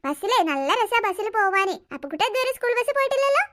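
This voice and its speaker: A woman's voice: very high-pitched, very animated, fast talker, a bit bright, heavily acted. A woman doing a fussy scolding cartoon mother. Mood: coaxing. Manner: scolding, nagging, coaxing. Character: scolding mother of three, fussy but loving. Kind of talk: cartoon voice acting.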